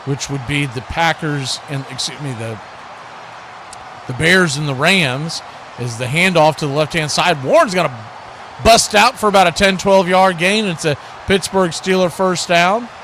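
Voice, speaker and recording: At a live football watch party, a man with a fairly high voice gives play-by-play at normal speed in a folksy, conversational manner. Steady background noise runs through the recording.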